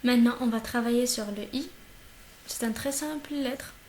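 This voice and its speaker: A woman teaching a language lesson, speaking slowly and deliberately, repeating each example word several times and checking often that the listener follows. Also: on the high side, a little mellow, a little hiss or hum. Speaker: German teacher. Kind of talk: slow classroom-style language lesson.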